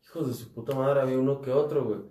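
A man's voice: medium pitch, fairly even intonation, very fast, warm tone. A man with a Mexican accent telling crude, slang-heavy work stories in a casual podcast chat. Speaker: podcast co-host. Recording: echoey room, voice from a distance off the mic.

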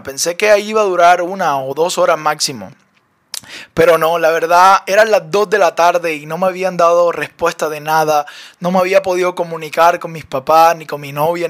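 A young man with a Colombian accent, animated and often laughing as he tells his own story for his podcast. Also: high voice. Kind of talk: personal testimony storytelling.

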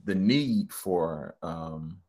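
A man's voice: sits low, lively intonation, drawn-out words, a little mellow. A middle-aged man, a hypnotherapist being interviewed, talking casually and rambling with lots of ums and restarts. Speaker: hypnotherapist guest.

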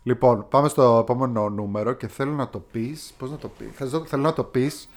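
A man co-hosting a podcast, bantering in a relaxed, agreeable way. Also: medium pitch. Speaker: podcast co-host. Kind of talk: casual chat about films.

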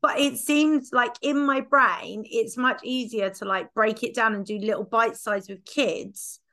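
Woman dog-trainer host, slightly high pitch; chatty, self-deprecating. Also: steady tone, unhurried, bright, forceful tone. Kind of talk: casual conversational chat.

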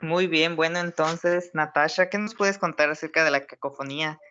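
A man co-hosting a casual educational podcast, explaining in a measured way. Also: on the high side, steady tone, pushed and bright. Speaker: podcast co-host. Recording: dull lo-fi sound.

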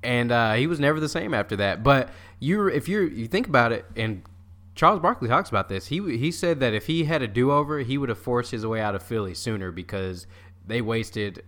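This is a man with an average-pitched voice chatting casually about sports. He talks informally and a little haltingly, often repeating a word before he lands the thought. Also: lively intonation, fairly bright tone. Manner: informal, halting, repeats words while thinking. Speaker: sports podcast co-host.

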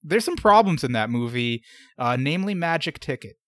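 A man with a slightly higher voice co-hosts a casual podcast. He reads out old news items and cracks puns and swear-laced asides. The sound is dry and close. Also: very animated, a little fast, fairly bright tone, dry recording. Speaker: podcast co-host.

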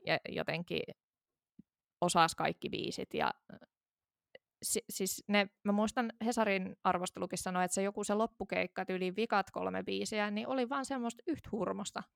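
A woman's voice: medium pitch, vocal fry, no room sound, studio quality. A woman in her thirties, a podcast co-host, chatting casually and rambling with many fillers and restarts. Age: 30s. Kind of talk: casual chat.

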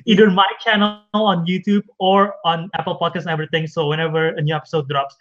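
A chatty young man hosts a casual podcast with a high, light voice. The sound is dull and lo-fi, like a call recording. He laughs easily between points. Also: steady tone, fast, fairly bright tone. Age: young adult. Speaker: podcast host. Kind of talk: casual chat.

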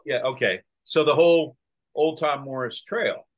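A man hosting a golf podcast, chatting excitedly and restarting his sentences often. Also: on the high side, moderate pace. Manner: excited, talks in bursts with many restarts. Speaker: podcast host. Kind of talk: casual chat.

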